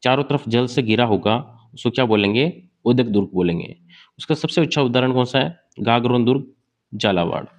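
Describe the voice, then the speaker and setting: A man's voice: mid-range voice, brisk. A man giving an exam-prep lecture, asking questions and answering them himself while he sketches on a board. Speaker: teacher.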